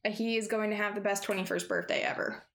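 A woman's voice: medium pitch, flat delivery, fast, a bit bright. A woman in her twenties hosting a podcast, bantering casually with her sibling, laughing often and swearing freely. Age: 20s. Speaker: podcast host.

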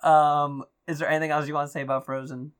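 A woman hosting a casual chat in an informal, halting, teasing way. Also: low-pitched, little pitch movement, clean tone. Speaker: podcast host.

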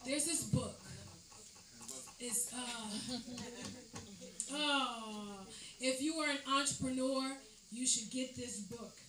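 A woman's voice: fairly high pitch, very slow, a crowd in the background. A woman speaking on a live panel, giving earnest, conversational advice about money and running a business. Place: event space with live audience. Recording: echoey room with ambient noise.

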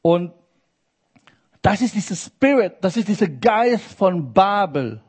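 Slow, high-voiced preacher. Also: male voice, big pitch swings, a little mellow, breathy edge. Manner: slow, emphatic, with frequent checking questions to the audience. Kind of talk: sermon.

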